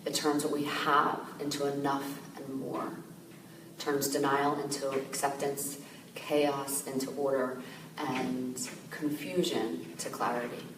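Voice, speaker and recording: A woman meditation teacher calmly guiding a meditation, speaking gently and slowly with soft fillers. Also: rumbling low. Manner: gentle, slow, soothing guidance with soft fillers. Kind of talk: guided meditation. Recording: echoey room, distant mic, noisy ambience.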